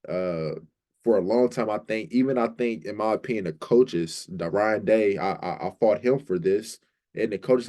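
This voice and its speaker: A man hosting a sports fan vlog, talking in a rambling, excitable way and often saying "man" and "like". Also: fairly low pitch. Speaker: sports fan channel host. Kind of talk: casual fan commentary vlog.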